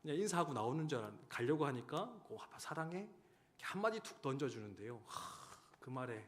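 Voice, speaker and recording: A man in his thirties, a pastor giving a sermon, who tells stories and swings between loud urging and hushed, quiet lines. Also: mid-range voice, sing-song, fairly quick, slight background noise. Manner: storytelling, swinging from loud exhortation to hushed tones. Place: church sanctuary. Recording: church hall reverb.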